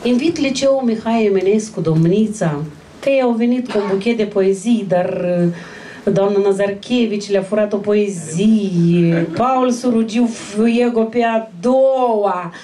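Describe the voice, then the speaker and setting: A woman with a Moldovan Romanian accent moderating a public event, speaking briskly and directing the program. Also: mid-range voice, mellow, distant mic.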